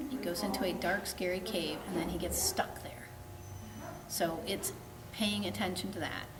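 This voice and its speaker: A woman dog trainer coaching a client in a frank, plainspoken way. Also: medium pitch. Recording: roomy, distant, noisy background.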